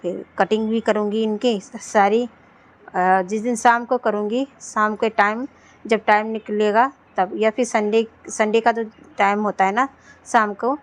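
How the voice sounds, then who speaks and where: Chatty woman vlogging her chores. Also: medium pitch. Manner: chatty, rambling, with frequent restarts. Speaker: homemaker vlogger. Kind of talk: casual vlog narration of daily chores. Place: at home, indoors and on a rooftop.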